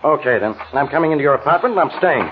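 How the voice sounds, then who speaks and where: A tinny old radio recording carries a man acting an exasperated American police inspector. He talks fast in a rough, fairly high voice, suspicious and blustering in 1940s radio drama style. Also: expressive, close to an everyday voice. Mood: grim, accusing. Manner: blustering, insistent.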